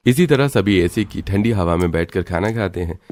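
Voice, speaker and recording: A man giving even, matter-of-fact scripted narration for a cartoon story. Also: low-pitched, normal speed.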